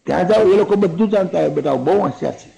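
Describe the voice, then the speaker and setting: A man's voice: sits high, fast, creaky, dark tone. A man voicing a poor, humble old hermit woman who talks in a plain, homely way during a religious discourse. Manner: plain homely talk, modest and fond.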